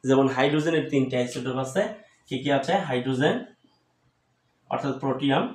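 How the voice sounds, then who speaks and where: A man with a Bangladeshi Bengali accent teaching a school chemistry lesson at a board, slowly repeating definitions to drill them. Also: medium pitch, fairly even intonation. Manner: slow, repetitive, drilling definitions. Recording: echoey room.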